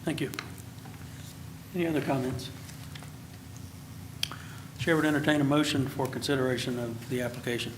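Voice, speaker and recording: Brisk, businesslike male meeting chairman. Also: mid-range voice, noisy background. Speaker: commission chairman. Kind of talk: formal public meeting procedure. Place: public meeting room.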